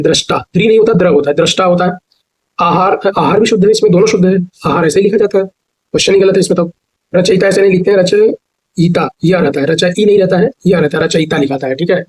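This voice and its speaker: Male teacher, high husky voice, patient step-by-step explainer for exam prep. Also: a little mellow, low-quality recording. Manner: explains step by step, repeats words slowly to spell them. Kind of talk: exam-prep grammar lesson.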